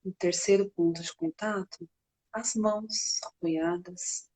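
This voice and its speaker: Slow, breathy Brazilian woman guiding meditation. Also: fairly low pitch, steady tone. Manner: gentle, unhurried, with long pauses. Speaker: meditation guide. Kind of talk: guided meditation.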